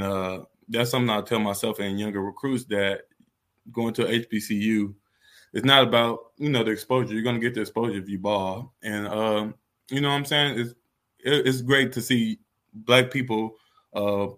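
A college football player in his twenties with an American accent answers interview questions candidly and casually, saying "you know" often. His voice is lowish with a fairly bright tone.

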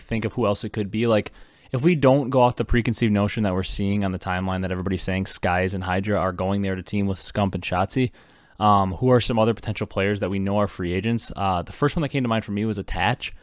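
A young man hosting a podcast, talking fast and excitedly with lots of fillers while he reacts to breaking esports news. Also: lowish voice, dry recording, clean studio sound. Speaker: podcast host. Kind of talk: casual esports news commentary.

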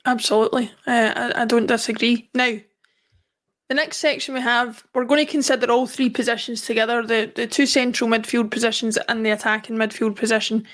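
A woman co-hosting a football podcast, talking in a casual, measured way. Her voice sits a little high for a woman. She weighs up players one by one, listing names steadily. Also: fairly even intonation, a bit bright. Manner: measured, runs through lists of players. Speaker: podcast co-host.

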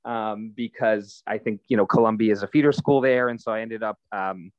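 A man in his thirties talks through his background at an unhurried, conversational pace. He fills pauses with easy fillers as he tells his story. His voice comes through a dry, somewhat dull recording. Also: on the low side, no echo. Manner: relaxed storytelling, frequent fillers. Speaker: guest, nonprofit founder. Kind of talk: conversational interview answers.

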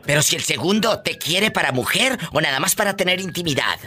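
A man's voice: fairly high pitch, expressive, brisk, pushed and bright. A man with a Mexican accent hosting a radio show, teasing and joking in casual banter. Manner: playful, teasing, exclamatory. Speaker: radio host.

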